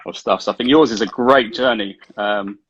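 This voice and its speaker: A man's voice: lowish voice, moderate pace, fairly bright tone, muffled recording. A man hosting a casual interview over a video call, matey and loosely phrased. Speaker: interview host. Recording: faint noise and clicks on call.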